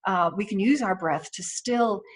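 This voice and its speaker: A woman chaplain offers informal spiritual guidance at a middling pitch. She is gently instructive and reassuring, and she pauses now and then to find the right word. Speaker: chaplain giving a weekly wellness tip. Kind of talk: informal spoken guidance on breath prayer and spirituality.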